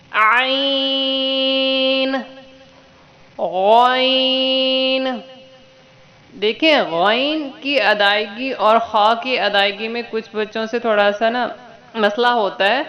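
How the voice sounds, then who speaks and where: A woman teaching Quran letters to children online, drawing letters out slowly for students to repeat and checking in with them often. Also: on the high side, a bit bright. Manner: patient, drawn-out letter recitation for repeating. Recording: dull lo-fi recording.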